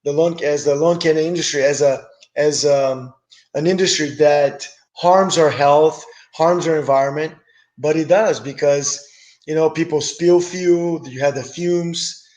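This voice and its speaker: Middle-aged man, raised in brazil, slightly high voice, relaxed, eager. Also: measured pace. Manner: relaxed and enthusiastic, hesitant restarts. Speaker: guest, business owner. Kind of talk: casual interview chat.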